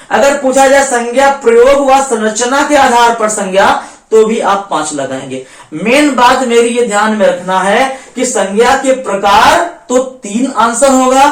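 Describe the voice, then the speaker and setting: A man's voice: very high-pitched, recorded from a distance. A male teacher talks through a grammar lesson for exam students. He repeats each rule and answers his own questions. His voice rings around an echoey room and sits some way off the mic.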